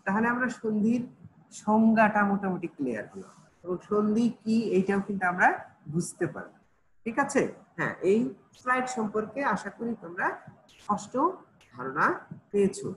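A man's voice: high-pitched, animated, a bit bright, a little hiss or hum, rough recording. A man with a Bangladeshi Bengali accent teaching an online grammar class, explaining step by step and often checking that students follow. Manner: explains slowly, repeats and checks with "ঠিক আছে?".

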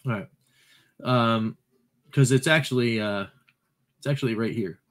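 A man's voice: medium pitch, a little slow, a bit bright. A man hosting a retro game channel, talking casually over his gameplay, rambling and correcting himself with playful asides.

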